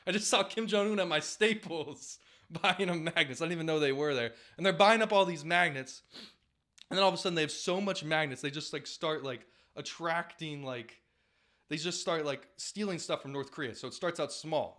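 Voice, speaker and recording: A young man doing stand-up with a fairly high voice. He rambles loudly and drops into goofy character voices. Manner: rambling, loud, slips into silly character voices. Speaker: stand-up comic. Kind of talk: stand-up comedy bit.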